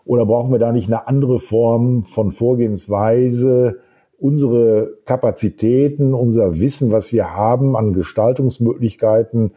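A man talking thoughtfully in a discussion, pausing often with fillers and building long winding sentences. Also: mid-range voice, dark tone, husky. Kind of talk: casual discussion.

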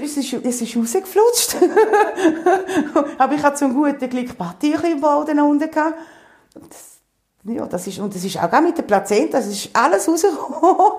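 A high-pitched woman with a Swiss German accent recounts something from her own life in a lively, informal way. She laughs frequently and reenacts her past words, recorded in an echoey room.

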